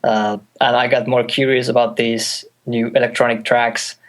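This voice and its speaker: Heard through call audio, this guest music producer is a man in his twenties from Finland whose native language is Finnish. He speaks at normal speed with a medium pitch and little pitch movement, sounding hesitant in the casual interview, full of fillers, restarts, and light laughs.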